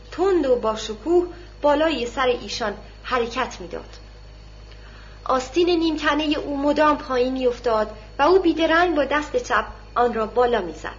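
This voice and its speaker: A woman with a high voice narrates a novel in a steady, measured way. Her reading is scripted and even. The recording sounds dull and lo-fi, with a faint hiss underneath. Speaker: audiobook narrator.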